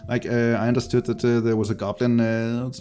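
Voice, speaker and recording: A man's voice: mid-range voice, little pitch movement, brisk, warm tone, natural voice. A man voicing an absent-minded, amiable wizard with a hesitant, offhand manner in a tabletop game. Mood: distracted, offhand.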